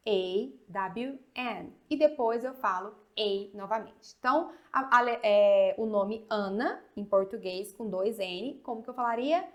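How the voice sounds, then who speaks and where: A woman from Brazil teaching an English lesson. She spells letters slowly, speeds up when she explains, and keeps checking in with her students. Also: mid-range voice. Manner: slow spelling drills with frequent "tá?" check-ins. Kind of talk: video lesson.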